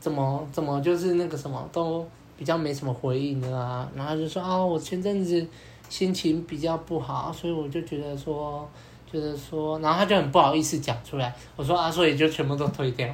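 A man, hosting a podcast and telling a story in a casual, animated way, acting out both sides of the dialogue with many fillers. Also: a little high, fairly quick, slight background noise. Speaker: podcast host.

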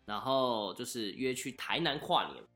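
A man's voice: medium pitch, sing-song, measured pace, a bit bright, faint music behind. A man, co-hosting a casual podcast chat, chatty and self-mocking. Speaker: podcast co-host.

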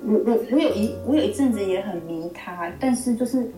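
A woman's voice: mid-range voice, fairly quick. A woman, a student and mother, chatting in a rambling way with lots of fillers. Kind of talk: casual chat. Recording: roomy echo, music under.

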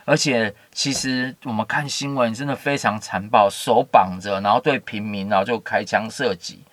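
A man's voice: fairly low pitch, fairly even intonation, moderate pace, fairly bright tone, no room sound. A man giving a casual Bible teaching, reading scripture and adding chatty asides with many fillers. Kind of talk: casual Bible story commentary.

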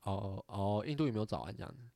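Male co-host, teasing interviewer, fast and animated, dry close sound. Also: on the low side, vocal fry, no room sound. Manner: teasing, quick questions, frequent backchannel. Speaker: podcast co-host. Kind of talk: casual chat, interviewing.

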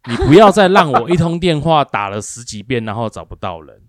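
A guy co-hosting a speaking-skills livestream chats casually and tells stories at a slightly quick clip with a mid-range pitch. He grows animated acting out both sides of an argument, pushing his emphasis higher as he goes. The sound is dry and close, with no echo.

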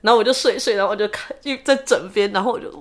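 A woman's voice: medium pitch, racing. A woman co-hosting a podcast in casual chat, telling her own stories expressively with laughter and English words mixed in. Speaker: podcast co-host.

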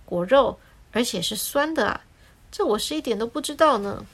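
A woman voicing a lonely, earnest gentleman lemon in a children's story, speaking courteously. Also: a little high, moderate pace. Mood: polite.

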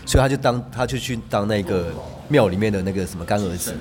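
A man, a podcast guest telling rambling, animated anecdotes with frequent restarts. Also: fairly low pitch, fast, background noise. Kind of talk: casual storytelling chat.

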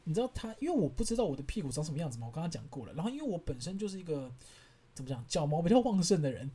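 A man in his thirties with a Taiwanese Mandarin accent, hosting a podcast and telling stories in an animated, exasperated way, laughing as he goes. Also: on the high side, very fast, slightly rough. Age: 30s. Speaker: podcast host. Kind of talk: casual storytelling monologue.

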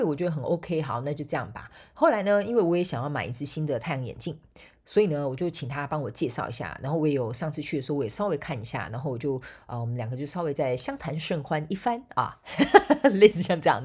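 A woman's voice: deep voice, darkish tone, slightly rough. A woman from Taiwan with a Taiwanese Mandarin accent, hosting a solo podcast and telling a story in a chatty way, laughing often and groping for words. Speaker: podcast host and motivational speaker.

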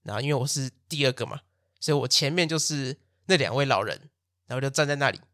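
A young adult man hosts a podcast, casually telling a story in an animated way, acting out the quotes, laughing, and swearing. His voice is medium-pitched and fast, on a dry recording with clean studio sound.

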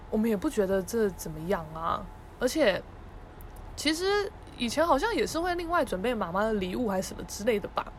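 A woman's voice: mid-range voice, a little hiss or hum. A young woman with a Taiwanese Mandarin accent tells family stories in a casual podcast monologue. She acts out her relatives' voices and laughs often. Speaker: podcast host.

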